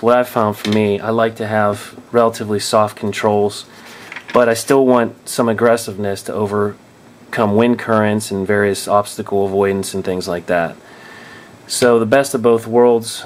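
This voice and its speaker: Low-voiced man explaining drone settings. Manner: thinking aloud, frequent restarts and self-corrections. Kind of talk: casual tutorial explanation. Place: indoors at a table.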